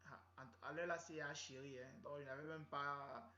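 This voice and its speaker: This comic story comes from a man with a Cameroonian French accent, a comedian who tells it in a rambling, slangy, repetitive way. His voice is on the high side, bright and forceful, with fairly even intonation and normal pace. The recording sounds roomy, dull and lo-fi.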